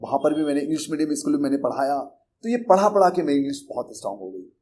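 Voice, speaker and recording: A middle-aged man with an Indian accent gives a lesson in an earnest, conversational way, blending English words into his Hindi. His voice sits a touch high. He circles back over his points as he explains them. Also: lively intonation, racing, a little mellow. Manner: earnest, repetitive, conversational teaching with English terms mixed into Hindi. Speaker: English teacher and coaching institute founder. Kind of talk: Hindi lecture on learning English.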